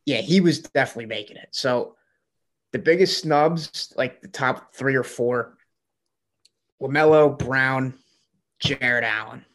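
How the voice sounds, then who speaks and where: A man's voice: medium pitch, a little slow, pauses often, a bit bright. A man co-hosting a sports podcast, talking in an enthusiastic, rambling way with lots of fillers. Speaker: podcast co-host. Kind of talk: casual sports chat.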